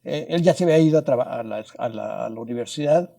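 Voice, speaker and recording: With a medium-pitched voice that's gravelly yet mellow, the older Mexican scientist recounts anecdotes at a quick pace during a podcast interview. His Mexican Spanish accent comes through as he restarts words and drops in tag questions.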